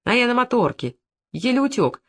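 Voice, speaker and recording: A narrator voicing an excitable village shopkeeper man who raises his voice and repeats himself, in an audiobook reading. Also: mid-range voice, brisk, voice pushed up. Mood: alarmed. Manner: shouts breathlessly, repeats himself.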